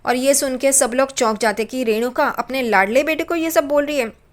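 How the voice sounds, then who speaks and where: Woman casually recapping a serial, fairly high voice. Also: normal speed. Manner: retells scenes, voicing quoted lines with small pitch lifts. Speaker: narrator recapping a TV serial episode. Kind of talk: casual spoken recap narration.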